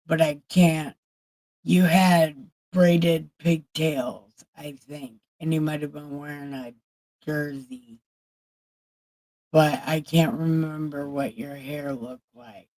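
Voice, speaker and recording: A woman's voice: deep voice, mellow. A woman livestreamer in casual chat, talking candidly and with plenty of swearing to her viewers. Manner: candid, profane, chatting with viewers.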